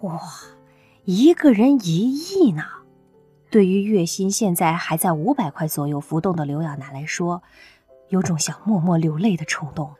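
A woman narrating an audiobook in an expressive storytelling way. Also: deep voice, normal speed, husky, no room sound, faint music behind.

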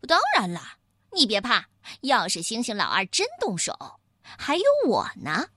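A woman's voice: medium pitch, big pitch swings, unhurried, bright, forceful tone, no echo, studio quality, pitched below the performer's own voice, exaggerated voice. A woman voicing a boastful young piglet who fancies himself a hero, in a children's story.

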